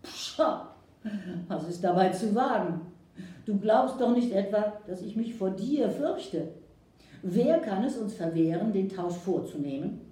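A woman voicing a calm, firm male frontier hero who gives commands, recorded far from the mic in an echoey room. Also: medium pitch, a little slow, lightly acted. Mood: stern.

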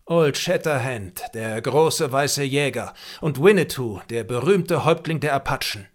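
A man voicing an angry, proud Native chief in an audiobook, with loud, high, forceful outbursts. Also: lively intonation, moderate pace. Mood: astonished. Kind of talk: audiobook character reading.

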